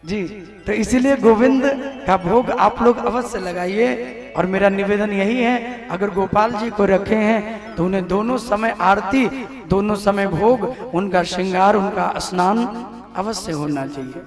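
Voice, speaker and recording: A man's voice: sits high, a little slow. A man preaching a devotional sermon to a gathered audience with a North Indian accent, urging listeners to respond aloud. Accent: North Indian, Vrindavan. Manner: exhorting, calls on audience to respond. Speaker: Bhagwat katha preacher. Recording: echoey hall with faint music.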